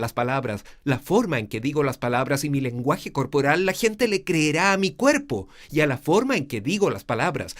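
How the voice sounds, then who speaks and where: A man giving a lecture on preaching, speaking in a clear, measured teaching manner. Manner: demonstrates pitch and volume shifts, swinging from soft to loud. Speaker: preaching instructor. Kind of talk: homiletics lecture with spoken demonstrations.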